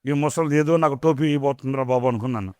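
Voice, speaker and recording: A man's voice: medium pitch, quick pace, darkish tone, smooth, dry recording, studio quality. A middle-aged male pastor preaching a sermon, telling a story and firing off rhetorical questions.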